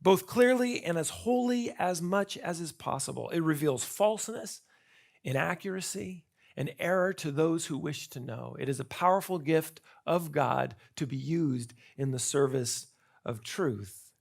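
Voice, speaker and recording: A man's voice: fairly high pitch, lively intonation, measured pace, vocal fry. A man speaking at a conference in a conversational way, often asking the audience rhetorical questions. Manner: frequent fillers and restarts. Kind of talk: conference talk.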